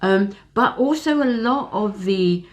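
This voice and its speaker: A woman in her sixties, a therapist and co-host, talking in a calm, reassuring, reflective way with many fillers in a casual advice conversation. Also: mid-range voice, unhurried. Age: 60s.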